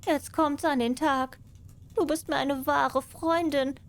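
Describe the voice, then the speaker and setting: A woman's voice: high-pitched, steady tone, takes it slowly, voice pushed up. A woman voicing a small, trusting female mouse in a fairy tale, earnest and inquisitive. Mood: dismayed.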